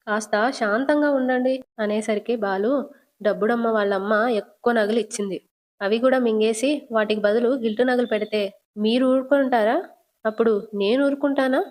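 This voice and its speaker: A woman's voice: mid-range voice, a little mellow. A woman with a Telugu accent recapping a TV serial episode, telling the scenes and lightly voicing the characters' quoted lines.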